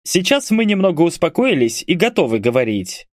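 A man's voice: fairly high pitch, very animated, fairly quick, dry recording, clean studio sound, voice pushed up. A man raising his voice as a stern werewolf boss. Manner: firm, pressing. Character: stern male werewolf agency chief.

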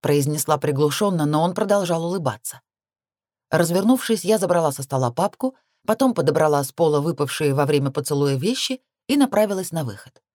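A woman reading a first-person audiobook, steady and rising sharply on tense phrases. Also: low voice, brisk, no echo, clean studio sound. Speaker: audiobook narrator.

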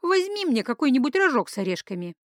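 A woman's voice: high voice, very animated, quick pace, no echo, clean studio sound, pitched above the performer's own voice. A woman voicing an indignant, stubborn young woman who makes mocking retorts. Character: young woman, sharp-tongued, stubborn and principled.

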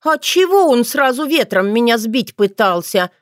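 A bold, sassy young witch from a storybook, played by a woman narrator. She talks high and cheeky with wide lively swings in pitch. The sound is dry and close. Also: normal speed, no echo. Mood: indignant.

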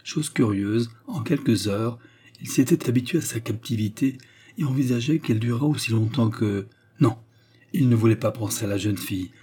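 Low, husky male audiobook narrator. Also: warm tone. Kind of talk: scripted narration.

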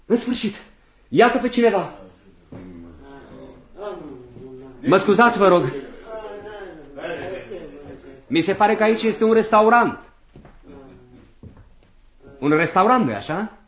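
An actor playing an anxious, brooding young soldier in a radio play, musing and sometimes whispering. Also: male voice, high voice, animated, long pauses. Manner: brooding, shifts to hushed whispers and loud outbursts. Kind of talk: radio drama acting. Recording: dull lo-fi radio recording.

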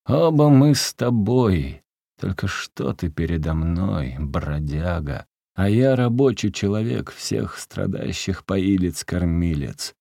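A man reading a story aloud, voicing a drunk peasant man who wails, weeps and threatens in a slow, drawn-out way. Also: deep voice, lively intonation, gravelly, no echo, studio quality, exaggerated voice. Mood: tearful wailing. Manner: wailing, shouting, drawn-out. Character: drunk, grief-crazed peasant man, weeping and menacing.

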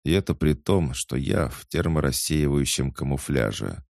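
A man playing a stern adult commander who speaks in a measured, authoritative way. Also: rumbling low, expressive, gravelly, darkish tone, no echo, studio quality, heavily acted.

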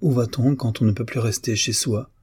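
A man's voice: medium pitch, steady tone, normal speed, a little mellow, husky, dry recording, studio quality. A man reading the part of a shy, blunt young peasant girl in an audiobook, with an artless, hesitant delivery. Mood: plaintive.

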